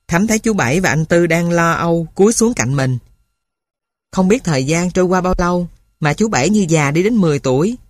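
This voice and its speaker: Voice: medium pitch, dry recording, studio quality. Somber storyteller. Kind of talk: dramatic audiobook narration.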